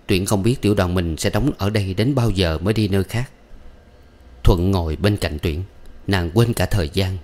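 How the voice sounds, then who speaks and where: A man reading a novel aloud in calm, scripted narration. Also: low voice. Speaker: audiobook reader.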